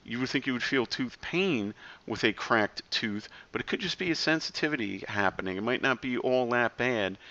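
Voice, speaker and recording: A health vlogger in his forties gives casual, rambling advice to camera, sprinkling in chatty, self-deprecating asides. His mid-range voice is bright and forceful, though the recording is muffled.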